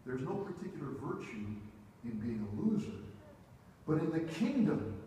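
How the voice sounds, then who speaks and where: A man's voice: fairly high pitch, big pitch swings, moderate pace, dark tone, a little hiss or hum. A middle-aged man preaching a sermon as pastor, telling the story while he moves about the stage. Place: church sanctuary, large indoor room. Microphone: distant room mic, preacher away from the camera. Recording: echoey church hall heard from far off.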